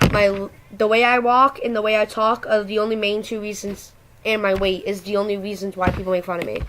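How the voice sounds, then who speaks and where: A woman's voice: mid-range voice, a bit bright, low-quality recording. A teenage girl talking casually and candidly to camera in a rambling, slangy way, with a speech impediment that turns her r sounds into w. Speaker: video blogger. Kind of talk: casual personal talk to camera.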